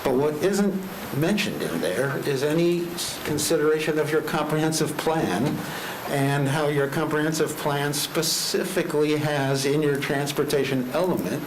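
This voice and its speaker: A man in his sixties speaks through a face mask, giving measured, formal testimony at a public hearing. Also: fairly high pitch. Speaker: retired land planner addressing a county commission. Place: indoor public meeting chamber. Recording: echoey meeting room with clear background noise.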